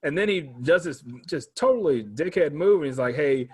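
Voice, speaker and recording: A man's voice: a little high, lively intonation, a little fast, breathy edge. A man in a casual chat who explains a show's plot step by step, quoting the characters as he goes. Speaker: podcast guest. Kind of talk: casual chat recapping a TV show.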